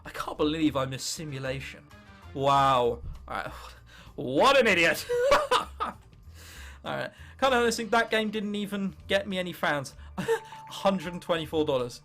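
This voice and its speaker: An English gaming video host in his late teens gives casual, sarcastic gameplay commentary, mocking himself and swearing freely. His voice is on the high side and his delivery is excitable.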